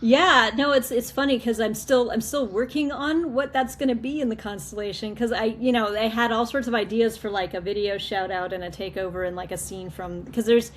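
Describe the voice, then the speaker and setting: A woman's voice: fairly high pitch, steady tone, a little fast, few pauses. Chatty woman filmmaker guest, restarts a lot, laughs easily, video call sound with faint noise behind. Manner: chatty, repeats words and restarts, laughs often. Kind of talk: casual video call interview.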